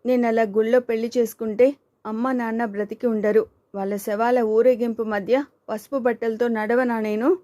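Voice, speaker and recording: A woman's voice: fairly high pitch, fairly even intonation, moderate pace, dark tone, dry recording, lightly acted. A woman voicing Devika, a timid and tearful young woman in love, pleading and despairing in an audiobook reading.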